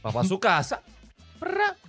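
A man's voice: sits high, unhurried, faint music behind. A man telling funny stories in a casual chat, acting out the voices and laughing often. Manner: animated storyteller, acts out voices, laughs often. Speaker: podcast co-host.

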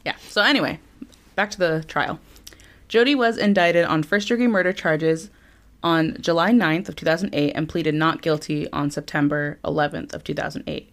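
Young woman podcast co-host, lowish voice, chatty storyteller who laughs a lot. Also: normal speed. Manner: storytelling, laughs often, acts out quotes. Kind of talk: casual chat.

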